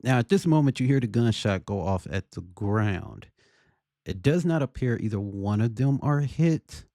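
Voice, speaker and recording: A man giving casual opinion commentary on a video, deliberately, often checking for agreement with rhetorical questions. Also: lowish voice, expressive, dark tone, no echo, clean studio sound.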